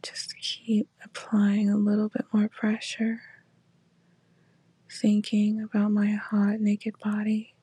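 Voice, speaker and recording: A woman in a whispered role-play as a teasing, affectionate lover, speaking softly and breathily right in the listener's ear. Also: medium pitch, completely flat delivery, takes it slowly, husky, no room sound. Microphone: very close, dry microphone.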